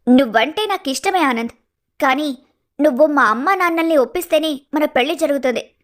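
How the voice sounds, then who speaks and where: A clever, playful young woman in a cartoon story, teasing and lively. Her voice is bright and high. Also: a little fast. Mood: teasing, tender. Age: young adult.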